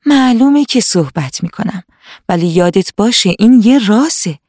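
A woman voicing a wise old magic tree with a sweet, calm voice, speaking slowly and kindly in a storybook reading. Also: medium pitch, no echo, studio quality, pitched above the performer's own voice, close to an everyday voice. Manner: slow, soothing, kindly.

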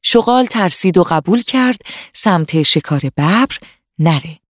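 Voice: mid-range voice, lively intonation, dry recording, clean studio sound. A storyteller narrating a scripted children's story for a radio program, addressing the young listeners.

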